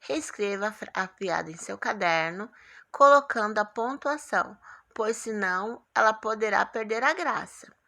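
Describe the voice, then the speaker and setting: A woman's voice: medium pitch, lively intonation, moderate pace, gravelly, sharp tone. A woman with a Brazilian Portuguese accent teaching a primary school class in a recorded remote lesson, patient and coaxing, checking in often with her pupils.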